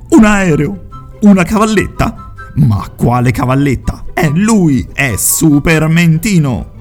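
A man narrating children's stories in a gentle, playful way that talks to the listeners. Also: medium pitch. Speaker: storyteller.

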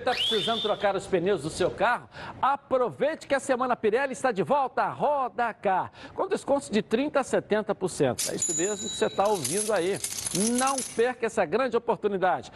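A man's voice: high-pitched, lively intonation, fairly quick. A man with a Bahian Brazilian accent hosting a live sports show and reading ads in an emphatic, salesman-like way with chatty asides.

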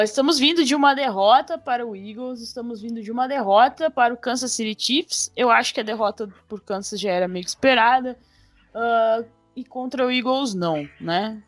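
A woman's voice: on the high side, a bit bright, dry recording. Chatty Brazilian podcast host woman. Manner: chatty, informal. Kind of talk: casual podcast chat.

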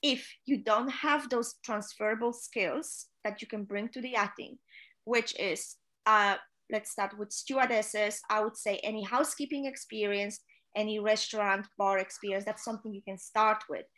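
A Polish chief stewardess, speaking English as a non-native with a Polish accent, gives earnest, direct career advice as an interview guest, using frequent filler sounds. Her voice is mid-range and a bit bright, with fairly even intonation at a moderate pace.

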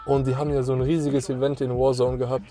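A man's voice: mid-range voice, flat delivery, fast talker, mellow. A young man co-hosting a podcast, chatting casually with slang and eager talk about games. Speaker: podcast co-host. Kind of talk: casual chat.

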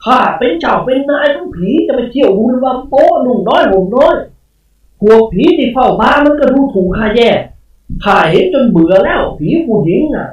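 Arrogant old male spirit, coarse and booming, put on by a woman narrator; high, lively pitch; distant echoey lo-fi audio. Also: a little fast. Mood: scornful. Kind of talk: audiobook character voice.

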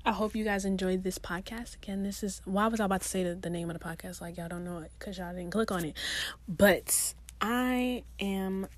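A woman's voice: mid-range voice, normal speed. A young woman hosting a solo podcast in casual chat, playful and self-mocking, often trailing off mid-thought. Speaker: podcast host.

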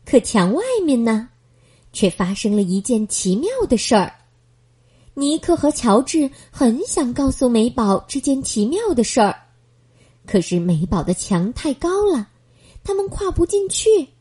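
A woman reading a children's bedtime story aloud in a gentle, expressive manner. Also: a little high, a little slow, slightly rough.

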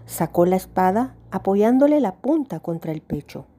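Woman calmly reading a story aloud. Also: medium pitch. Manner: calm, measured storytelling. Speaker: narrator.

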